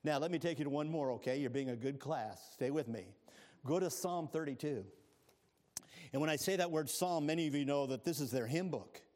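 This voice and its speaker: A male preacher giving a sermon, animated and engaging, moving from hushed asides to loud exclamations and calling on the congregation to answer. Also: a little high, brisk. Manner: calls on the congregation to respond.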